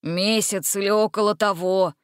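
A sly male villain from a storybook, whining and wheedling like the coward he is, voiced by a woman reader. The voice stays at an ordinary middle pitch and sounds dry and close. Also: fairly even intonation, normal speed, smooth, dry recording, natural voice. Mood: sulky. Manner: whiny, wheedling.

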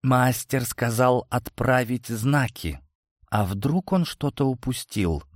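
A man's voice: mid-range voice, lively intonation, slow pace, no room sound, clean studio sound, voice pushed up. A man reading a story, voicing a hostile, suspicious guardsman who snaps and accuses. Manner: snarling, accusing.

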